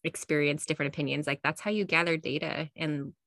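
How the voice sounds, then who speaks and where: Low-pitched woman chatting, bright and dry. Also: level tone, quick pace, creaky, no echo. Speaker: podcast co-host. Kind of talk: casual chat. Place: small closet at home. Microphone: own podcasting mic.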